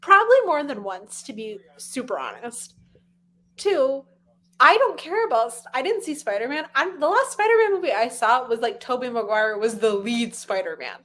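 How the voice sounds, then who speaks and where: A young woman co-hosting a podcast, chatting excitedly and packing her talk with "like". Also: a little high. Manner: excited, fast chatter full of "like". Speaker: podcast co-host. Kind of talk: casual chat.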